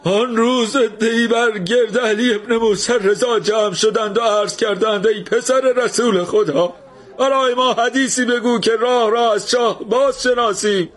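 A solemn old man from a storybook declaims to a gathered crowd. A man acts him out. His voice sits very high, lifted far above the narrator's own. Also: fairly even intonation, a bit bright.

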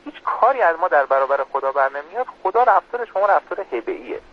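A man's voice: on the high side, lively intonation, slightly rough. A man speaking as a religious guest, earnestly explaining a prayer on a radio program. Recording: dull lo-fi radio sound.

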